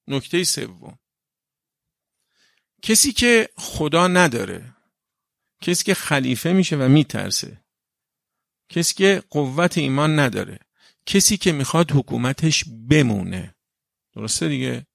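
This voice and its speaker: A man's voice: fairly high pitch, big pitch swings, creaky, fairly bright tone, no room sound, clean studio sound. A man preaching a religious sermon in an emphatic, repetitive way, often checking with listeners. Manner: emphatic, repetitive, asks the audience "right?". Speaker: cleric.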